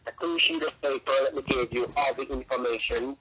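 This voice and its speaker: A man working as a telemarketer, reciting a scripted pitch in a rushed, insistent, repetitive manner over the telephone. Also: noisy background. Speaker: telemarketer (scam caller). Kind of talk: scripted phone sales pitch. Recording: muffled telephone call audio.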